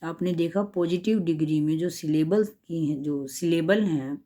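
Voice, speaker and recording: A woman language teacher explaining a grammar lesson slowly and carefully, switching between English and Hindi. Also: low-pitched, mellow.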